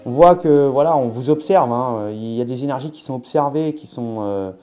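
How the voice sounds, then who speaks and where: A man's voice: medium pitch, normal speed, mellow, faint music behind. A man with a Southern French accent giving a casual astrology card reading, full of fillers and restarts. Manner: hesitant, many fillers and restarts. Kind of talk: casual tarot reading to camera.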